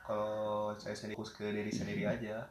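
A man hosting a casual chat, prompting his friends with relaxed, slangy questions. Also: fairly low pitch, a little fast, reverberant, slight background noise. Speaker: host asking questions.

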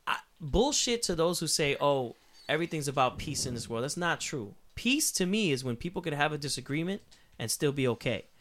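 A man's voice: fairly high pitch, sing-song, fairly quick, a bit bright. A man from Puerto Rico who is a guest on a podcast. He talks in a casual, emphatic, profane way and lays out his views at length.

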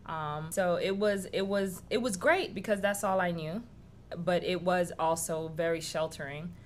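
Candid woman from Haiti, lowish voice. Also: normal speed, slight background noise. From Haiti, raised in New York City. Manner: candid, storytelling. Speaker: restaurant co-founder, guest. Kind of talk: casual interview chat.

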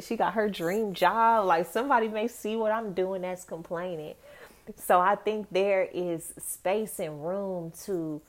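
A woman with a fairly low voice speaks straight to the camera in a casual vlog. She teaches dance and works through her frustrations out loud. She uses "like" constantly and asks one rhetorical question after another. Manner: reflective, peppered with "like" and rhetorical questions.

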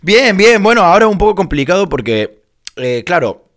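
A man with an Argentine accent from Córdoba chats casually at home. His pitch swings up and down freely, and his talk is playful and quick to laugh. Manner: laughs easily, lively and playful. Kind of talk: casual chat. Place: home during lockdown.

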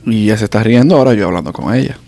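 Dominican male podcast host, gravelly voice, playful teasing banter in a studio. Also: fairly low pitch, very fast, warm tone. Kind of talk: casual podcast chat. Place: recording studio.

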